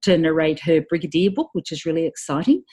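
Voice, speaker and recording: A woman hosts a relaxed podcast chat, her voice on the low side and a little husky. She talks in a chatty, easygoing way and keeps turning to her listeners with "everybody.". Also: quick pace. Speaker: podcast host. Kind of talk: casual podcast interview.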